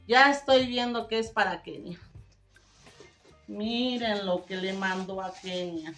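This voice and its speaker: A woman's voice: a little high, bright, forceful tone. Emotional chatty woman unboxing gifts. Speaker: vlogger. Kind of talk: casual unboxing vlog.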